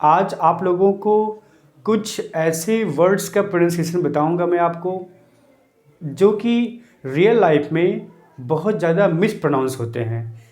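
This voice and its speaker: A man explaining English pronunciation in a measured way, mixing Hindi and English. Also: high-pitched, a little mellow. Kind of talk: explaining lesson to camera. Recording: echoey room.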